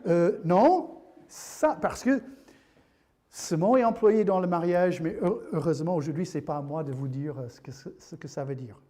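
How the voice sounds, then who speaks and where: A man preaching a sermon in church, joking as he goes and often halting and restarting his sentences. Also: fairly high pitch, dark tone. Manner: jokey, halting, with many restarts.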